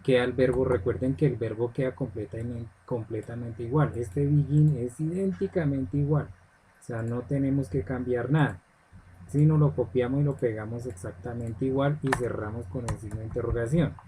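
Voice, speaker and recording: Patient male English teacher, mellow. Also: mid-range voice, steady tone, moderate pace, slight background noise, poor audio. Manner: patient step-by-step explaining, checks in with "ok?". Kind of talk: screen-recorded lesson walkthrough.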